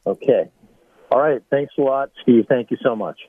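A man's voice: mid-range voice, moderate pace, breathy edge, no echo. A man calling in to a radio show over the phone, giving brief, agreeable thanks and acknowledgements. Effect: phone line, heard as a radio show caller. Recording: dry, tinny phone line.

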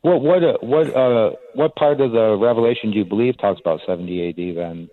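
A man's voice: lowish voice, a little fast. A man calling in to a radio show over a phone line, polite and stumbling over his words a little. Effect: phone-line call into a radio show.

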